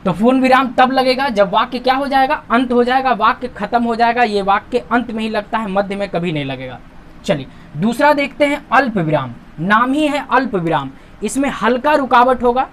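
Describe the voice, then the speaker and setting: A man's voice: very high voice, animated, a bit bright. Patient male grammar teacher. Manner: patient, repeats points and asks himself questions to answer them; reads example sentences slowly and with emphasis. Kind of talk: classroom-style lesson explaining on-screen examples.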